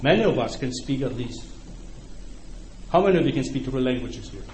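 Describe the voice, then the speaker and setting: This is a sermon to a congregation from a middle-aged Polish man whose first language is Ukrainian and who speaks with a Polish accent; he keeps it conversational and checks in with listeners often. His medium-pitched voice is expressive and darkish, and he talks fairly quickly. The room echoes, and faint background noise is audible.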